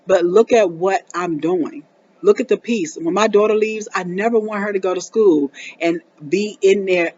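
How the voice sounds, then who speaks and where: A woman's voice: mid-range voice, highs cut off. A woman, talking casually to camera as a parenting vlogger and acting out little scenes with her daughter. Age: 40s. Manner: animated storytelling, acts out her daughter and herself.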